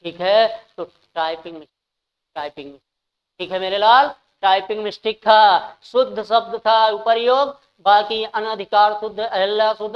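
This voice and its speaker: A woman teacher, leading an exam-prep spelling lesson in a playful, coaxing way and calling students "my dear". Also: mid-range voice. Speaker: Hindi teacher. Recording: slightly dull, lo-fi audio.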